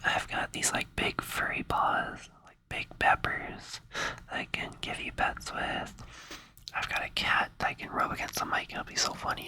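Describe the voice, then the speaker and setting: Close to the mic, an ASMR creator rambles in a breathy whisper, drowsy and unsure but playful and soothing. The tone is sharp, and the recording sounds rough.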